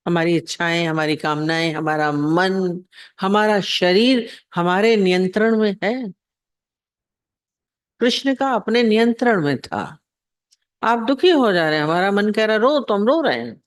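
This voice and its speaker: A man's voice: sits high, smooth, dry recording, studio quality. A man giving a devotional discourse on scripture as a spiritual teacher. He repeats his points and asks his listeners rhetorical questions.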